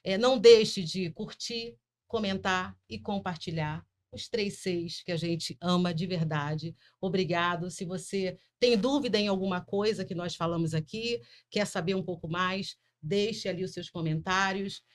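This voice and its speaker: A woman's voice: lowish voice, unhurried, hardly any pauses. A Brazilian woman hosting a psychology podcast, speaking directly and encouragingly to her viewers. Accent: Brazilian Portuguese. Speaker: podcast host. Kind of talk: closing a psychology podcast episode.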